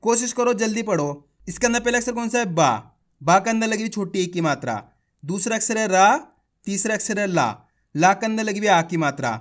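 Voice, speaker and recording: A man's voice: sits high, animated, fairly quick, fairly bright tone. A male reading teacher sounding out words syllable by syllable, then saying each whole word, and coaching viewers as friends. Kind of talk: spelling-out reading lesson.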